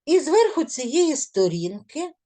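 A woman's voice: sits high, sing-song, slow, mellow. A middle-aged woman teaching a video lesson to young children, encouraging them and drilling syllables in a sing-song way. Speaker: primary school teacher.

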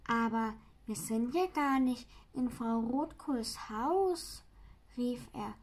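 Woman doing a mild bewildered dad guy, gentle, read out slow. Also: on the high side. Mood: puzzled. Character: mild-mannered grown man, Sams's papa.

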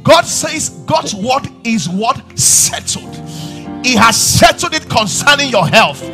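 A man preaching a sermon on a church stage, asking the crowd questions and rising to shouts as he moves about. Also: very high-pitched, very animated, slow, soft background music. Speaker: pastor. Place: large church stage with audience.

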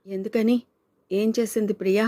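A caring, outspoken young woman, as a woman reads her in a storybook reading. Her voice is mellow and flat in tone, and she talks in a pleading, reproachful way. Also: mid-range voice, normal speed, dry recording, lightly acted.

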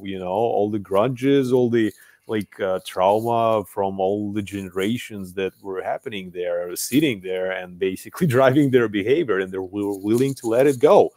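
Deep-voiced young man, dry and close. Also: moderate pace, a little mellow, dry recording. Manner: thoughtful, searching for words, laughs easily. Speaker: podcast host. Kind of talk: casual conversation. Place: home room with bookshelf, video call.

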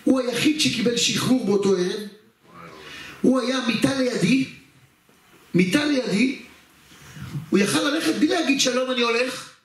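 A man's voice: extremely high pitch, long pauses. A man, a rabbi, telling a personal story during a religious talk, addressing the audience directly and acting out the scenes. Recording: very echoey hall, far from the mic.

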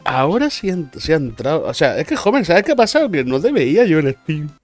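A man's voice: fairly high pitch, sing-song, brisk, faint music behind. Playful Spanish streamer man, teasing banter. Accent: Spain Spanish. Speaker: gaming streamer. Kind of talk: casual gaming commentary.

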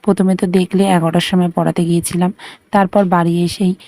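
A woman narrating her own vlog in a calm voice-over, recounting her day of teaching and her mother's cooking. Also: on the low side, fast talker, dry recording.

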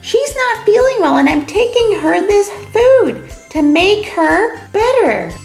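A woman voicing a sweet, cheerful little girl in a storybook reading, bright and sing-song. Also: very high voice, big pitch swings, slow pace, vocal fry, voice pushed up, heavily acted. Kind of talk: storybook narration. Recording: roomy echo, soft music behind.

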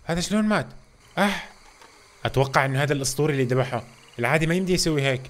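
Rapid-fire excitable male gamer. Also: fairly high pitch. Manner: reacts loudly to game events, addresses viewers as "guys". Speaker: gaming channel host. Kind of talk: excitable let's-play commentary.

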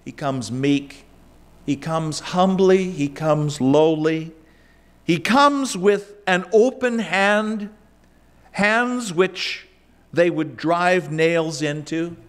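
A middle-aged pastor preaches a sermon slowly and deliberately into a lectern microphone in a church sanctuary, his clean, fairly high voice swinging widely in pitch and loudness for emphasis. He gestures as he drives each point home.

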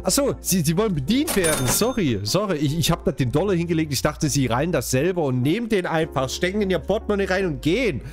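A man's voice: a little high, lively intonation, fast talker, hardly any pauses, music in the background. A man from Saxony chatting casually to his viewers while playing a game, jokey and talkative. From Saxony, Germany. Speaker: gaming YouTuber. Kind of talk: casual let's-play commentary.

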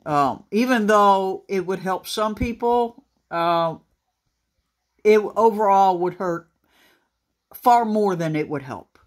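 A truck driver talks to his audience in a slow, unhurried way. He stops and restarts often and fills pauses with ums and uhs. It sounds like an off-the-cuff video recorded by phone. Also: sits high. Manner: unhurried, halting, many fillers and restarts. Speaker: trucker vlogger. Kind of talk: casual talk to camera. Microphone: phone camera pointed at a laptop screen.

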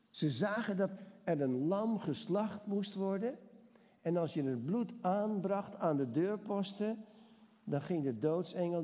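A man's voice: fairly high pitch, warm tone. A man preaching a sermon and reading Bible passages, talking conversationally and putting questions to the congregation. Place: church hall. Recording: long church reverb.

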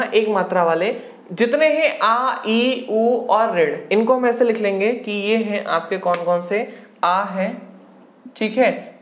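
Woman, exam-prep teacher, question-and-answer drilling, medium pitch, echoey room. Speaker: Hindi teacher.

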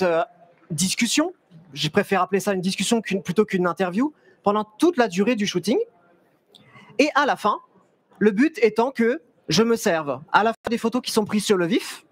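This live talk comes from a young man, a photographer, on a trade-fair stage inside a large hall, with his high-pitched voice going through a headset microphone. He keeps things lively and conversational, restarting sentences and kidding around with listeners, and there's no room sound.

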